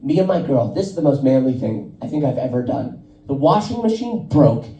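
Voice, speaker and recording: A young man doing a crude, excitable stand-up set with lots of swearing at a show in a record store. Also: medium pitch, fairly quick, dull audio. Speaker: stand-up comedian. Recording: roomy live room from far off, loud crowd.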